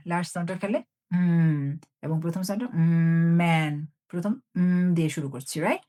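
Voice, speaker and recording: Woman, phonics teacher, lesson, repeats each sound and word slowly, patient drilling. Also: fairly low pitch, mellow.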